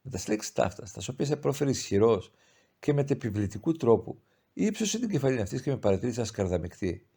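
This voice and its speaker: A man reading a classic short story aloud as an audiobook narrator, measured and expressive with formal old-style prose. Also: mid-range voice, husky. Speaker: audiobook reader. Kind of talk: scripted literary narration.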